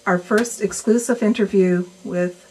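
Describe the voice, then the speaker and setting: A woman's voice: medium pitch, fairly even intonation, unhurried, a little mellow, rough recording. A woman interviewing a band at a lounge bar, chatty and enthusiastic. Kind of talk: interview hosting.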